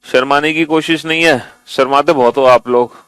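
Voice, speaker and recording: A man's voice: a little high, steady tone, normal speed, a bit bright, smooth, dry recording. A male teacher giving a coaching-class lecture in a patient way, repeating and spelling out letters and calling the students "beta".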